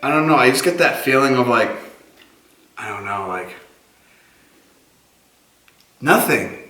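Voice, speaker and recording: Guy doing a ghost hunt vlog, casual halting talk, echoey stone room, kinda far from the mic. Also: mid-range voice, expressive, bright, forceful tone. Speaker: paranormal investigation vlogger. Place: small cobblestone and brick basement room in an old jail.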